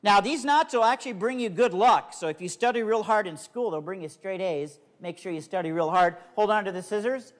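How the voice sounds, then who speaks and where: A man's voice: high-pitched, fairly quick, hardly any pauses. A man performing as a comedy magician for children, with playful, coaxing showman's patter in simple phrases to young volunteers and the audience. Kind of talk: live stage show patter for kids, talking to volunteers and audience.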